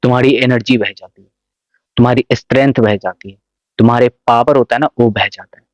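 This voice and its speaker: A man's voice: mid-range voice, fairly quick, no echo. A man vlogging casual motivational advice to camera, coaxing, often checking that viewers understand. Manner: coaxing, keeps asking if you understand.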